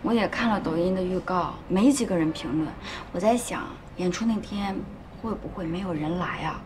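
A woman's voice: fairly low pitch, moderate pace, background noise, natural voice. A woman acting in a TV drama, speaking in a worried, questioning way. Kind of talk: TV drama dialogue.

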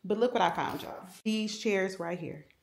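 A woman's voice: mid-range voice, moderate pace, gravelly, echoey room. A middle-aged woman chatting casually to her vlog viewers at home and in her car. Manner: chatty, animated, says "y'all" a lot. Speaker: vlogger, mother.

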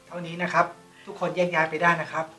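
A woman's voice: low-pitched, little pitch movement, fast, sharp tone, faint music behind, rough recording. A woman playing a polite, formal male company president in an online short drama. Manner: formal and polite, addresses staff courteously.

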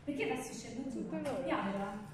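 A woman hosts casually on stage in a high voice. She is heard from far off in a very reverberant hall, with a loud crowd. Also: lively intonation, brisk. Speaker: stage presenter. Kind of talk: casual hosting chat. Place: large theatre stage at a convention. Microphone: stage microphone through PA, distant camera.

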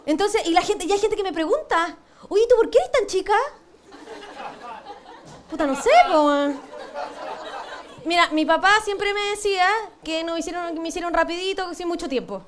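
Her voice is very high and a bit bright, moving at normal speed as this Chilean woman works through a stand-up routine on a TV panel show. The humor is cheeky, self-mocking and crude. Recorded in a TV studio, there's slight background noise, some chatter and audience laughter.

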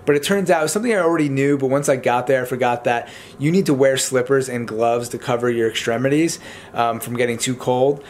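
A young man talks to the camera in an informal, chatty vlog style. His voice has a medium pitch, and he explains things casually from a living room, with noticeable background noise. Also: fast. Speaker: vlogger. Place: indoors in a home living room.

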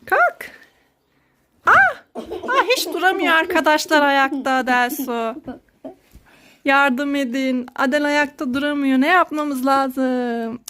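A woman in her thirties with a high, bright-pitched voice, hosting a playful family skit vlog. She talks as a mother fussing over her child, full of dramatic exclamations and sing-song concern. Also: steady tone, a little slow, a little hiss or hum.

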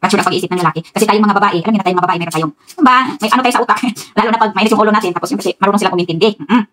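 A woman's voice: medium pitch, racing, a bit bright, slight background noise. A middle-aged Filipino woman chatting to viewers in a rambling home cooking vlog. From Philippines. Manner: rambling, talks straight to viewers, frequent laughs. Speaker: vlogger. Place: home kitchen.

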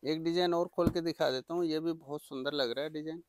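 A man presenting products for sale in an eager, repetitive teleshopping-style pitch. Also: fairly even intonation, a little fast. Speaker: saree seller presenting products. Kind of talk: product sales demonstration.

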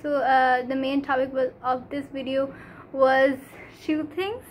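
A teenage Pakistani girl whose first language is Urdu speaks English with a Pakistani accent, talking earnestly and casually to a phone camera held at arm's length in a small room. Her high voice comes out flat and halting, packed with fillers, while a slight hiss or hum sits in the recording.

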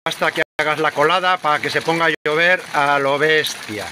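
With a fairly high pitch and fairly even intonation, a Spanish man in his sixties talks to viewers at normal speed in his casual vlog. The retired sailor chats while working on his boat and strolling the beach and town outdoors, recorded with noisy camera audio.

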